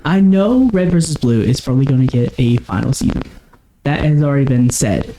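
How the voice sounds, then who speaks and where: A man's voice: medium pitch, animated, fairly quick, background noise. A man co-hosting a podcast, chatting casually and often stopping to correct himself. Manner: rambling, self-correcting. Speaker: podcast co-host. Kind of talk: casual chat.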